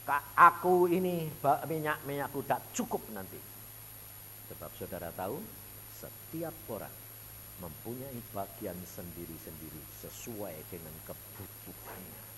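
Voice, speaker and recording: A male pastor preaching a sermon in a dramatic manner, swinging from shouts to hushed low tones. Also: expressive, measured pace. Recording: long hall reverb, faint hum.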